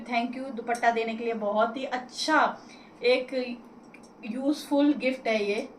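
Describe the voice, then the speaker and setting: A woman's voice: fairly high pitch, slight background noise. Chatty woman vlogging at home. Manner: chatty, addresses viewers directly. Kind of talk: casual home vlog chat. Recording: echoey room with faint ambience.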